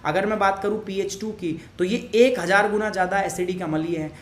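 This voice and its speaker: A man's voice: high-pitched, brisk, slight background noise. A male teacher walks his students through a science lesson, throwing out questions and answering them himself. He works English phrases into his sentences and patiently goes back over points. His voice rings with the echo of a bare room. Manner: patient, repeats explanations.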